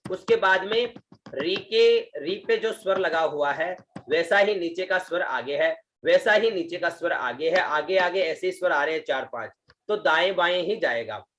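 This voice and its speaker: A man teaching a Vedic recitation lesson, breaking verses into syllables and chanting them slowly, often checking with the listener. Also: high-pitched, lively intonation, fairly bright tone, slight background noise, poor audio. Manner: slow, deliberate syllable-by-syllable teaching, frequent "है ना" checks.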